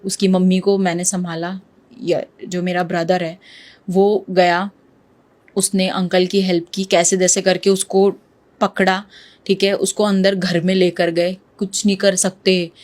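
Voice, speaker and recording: A woman appearing as a podcast guest tells a true ghost story vividly in Hindi, mixing in English words. Her voice is lowish and a little mellow, her delivery flat and unhurried.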